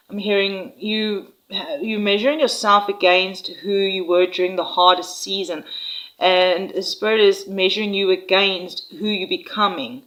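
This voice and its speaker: A woman talks viewers through a tarot spread at an easy pace. Her voice sits in a middle register, and she keeps checking in with "all right?" as she gently reassures them. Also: medium pitch, low-quality recording. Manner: unhurried, reassuring, with frequent "um" and "all right?" tags. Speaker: tarot reader. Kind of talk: intuitive tarot reading to viewers.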